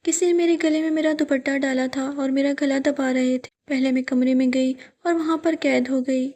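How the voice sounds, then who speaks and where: Frightened young wife, pleading and fearful, high voice, as a woman storyteller reads her, storybook. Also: steady tone, dark tone, natural voice.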